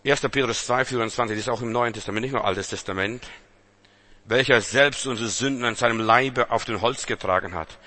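Fiery, bright-voiced male preacher. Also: mid-range voice, brisk. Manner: dramatic, shifts between loud exhortation and quiet intensity; rhetorical questions to the listeners. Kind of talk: sermon.

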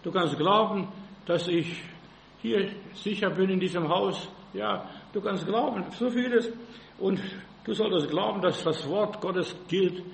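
Male preacher, high gravelly voice, fervent sermon, keeps saying "ja", roomy echo. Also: measured pace, a little hiss or hum. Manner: fervent, repeats "ja" constantly, acts out frightened voices.

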